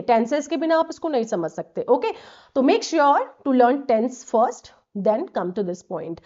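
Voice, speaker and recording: A woman teaches English grammar in a patient, explanatory way and keeps checking that the students are following. Her voice sits a little high. The recording sounds dull and lo-fi. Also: a little mellow. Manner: patient, repeats checks like "right?"; mixes Hindi with English terms. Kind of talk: explanatory lesson.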